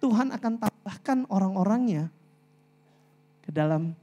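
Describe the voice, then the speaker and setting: A woman giving a lively faith talk to a community gathering, talking fast, pleading with listeners, telling stories and slipping into English phrases. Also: medium pitch. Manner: pleading and storytelling. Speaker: community speaker. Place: meeting hall.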